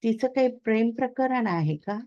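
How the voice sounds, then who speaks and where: A woman reading the part of a worried middle-aged father who talks things through earnestly and calmly. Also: fairly high pitch, moderate pace, dull audio.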